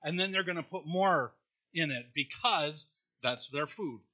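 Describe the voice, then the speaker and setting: A man preaching in an easy, conversational way, reading verses and teasing the congregation. His voice is bright and a touch high. The recording is dull and lo-fi. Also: measured pace. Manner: conversational preaching, reads scripture aloud, jokes with the congregation. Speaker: pastor. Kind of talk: sermon.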